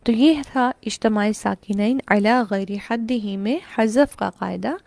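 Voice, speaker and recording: A woman with a Pakistani Urdu accent teaching a tajweed lesson, explaining step by step, asking herself questions and reciting verses slowly. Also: fairly high pitch, darkish tone, no echo.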